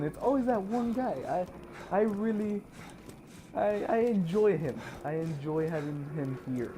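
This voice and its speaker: A man's voice: fairly high pitch, warm tone, slight background noise. A young man streaming a game, chatting casually and rambling with lots of swearing and fillers. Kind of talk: casual chat while streaming gameplay.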